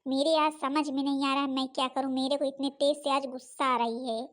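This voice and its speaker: A woman's voice: high-pitched, flat delivery, a little fast, lightly acted. A woman voicing a hot-tempered, scheming young second wife in a cartoon, who sneers and boasts. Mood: angry. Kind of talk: cartoon story voice acting.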